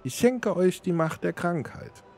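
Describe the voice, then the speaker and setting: Man doing Namira, a croaking goddess of decay. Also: unhurried, a little mellow, faint music behind. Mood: solemn. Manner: high put-on woman's voice, solemn and aloof. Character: female goddess of decay in a beggar's rags.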